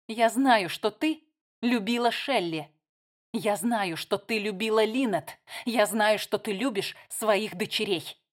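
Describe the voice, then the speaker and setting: A woman's voice: medium pitch, slow. A woman reading a novel aloud, voicing a heated, insistent younger sister.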